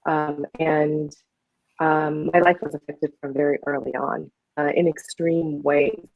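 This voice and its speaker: A woman in her forties from Afghanistan, a journalist, speaking reflectively with pauses on a panel. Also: low-pitched, level tone, gravelly, no room sound, phone-quality sound. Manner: reflective, with many fillers and pauses. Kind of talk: panel discussion.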